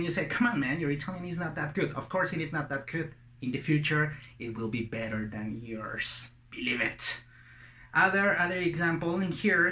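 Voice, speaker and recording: A Latin American language teacher whose first language is Spanish gives a casual spoken lesson, encouraging learners and repeating words and phrases for practice. His voice is a little high with a sharp tone, and the room adds a noticeable echo.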